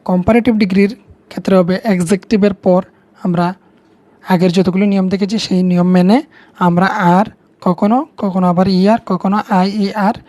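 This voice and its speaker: A woman's voice: lowish voice, warm tone, dry recording. A woman with a Bengali accent, patiently explaining English grammar to students step by step, repeating key words. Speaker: teacher.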